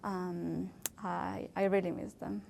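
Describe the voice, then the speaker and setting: A young woman from Ecuador, a native Spanish speaker, answering interview questions in English slowly and hesitantly, with many fillers. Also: lowish voice, little pitch movement, gravelly, a little mellow, a little hiss or hum. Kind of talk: oral history interview.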